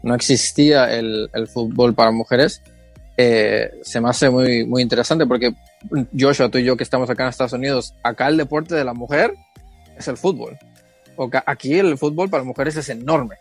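A man's voice: mid-range voice, normal speed, no echo, soft background music. A male podcast co-host with a Latin American accent, chatting casually and emphatically. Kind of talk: casual chat.

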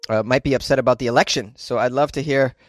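A man's voice: medium pitch, steady tone, fast talker, dry recording, clean studio sound. A man from Boston hosting a podcast from a small closet, rambling casually with self-deprecating jokes and mild profanity. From Boston, United States. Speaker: podcast host.

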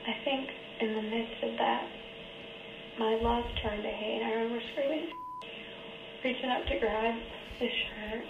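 A woman's voice: a little high, little pitch movement, vocal fry. Woman on an old interrogation tape. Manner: halting, rambling account with restarts. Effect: old interrogation tape recording. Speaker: murder suspect under interrogation. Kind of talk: police interrogation statement. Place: police interrogation room. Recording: roomy, muffled tape with hiss.

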